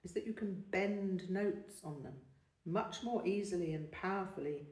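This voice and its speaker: A woman's voice: fairly low pitch, natural voice. A woman voicing a patient older male music mentor. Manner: measured, explanatory, gently encouraging. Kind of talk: audiobook character voice. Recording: roomy, distant mic.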